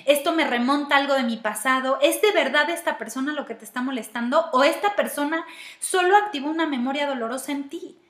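Speaking a little fast in a high, somewhat bright voice, a Mexican-accented woman gives a thoughtful self-help talk on personal growth. She moves step by step, asking herself questions out loud, with a roomy echo around her.

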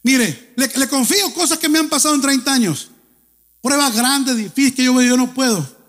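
Brief: middle-aged male pastor, very high voice for a man, animated joking sermon, long church hall reverb. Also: normal speed. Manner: animated, joking, exhorting the congregation.

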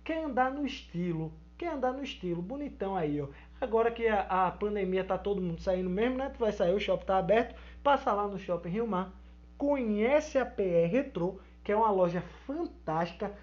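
Hushed, lowered promo voice put on by a woman with a Pernambuco accent; dull lo-fi audio. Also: expressive, a little fast, lightly acted. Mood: smooth promo. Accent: Pernambuco Brazilian. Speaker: sports show host. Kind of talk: sports podcast ad read.

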